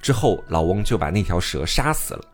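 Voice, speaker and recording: A man's voice: sits low, a little fast, faint music behind. A man retelling an old folk tale in a casual, chatty way, adding his own remarks. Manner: lively, chatty, comments with laughter. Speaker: storyteller host. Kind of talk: casual storytelling.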